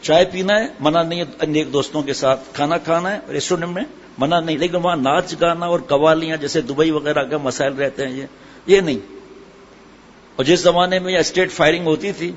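Middle-aged guy preaching, voice kinda high, long echo, muffled sound with faint hiss. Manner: asks the audience rhetorical questions and answers them himself. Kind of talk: sermon. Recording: hall echo, dull sound, faint ambient noise.

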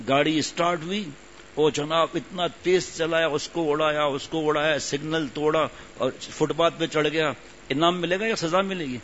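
Older man preaching, muffled and slightly high. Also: fairly even intonation, a bit bright. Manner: conversational, repeats phrases for emphasis. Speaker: religious teacher. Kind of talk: sermon. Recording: muffled lo-fi recording with faint hum.

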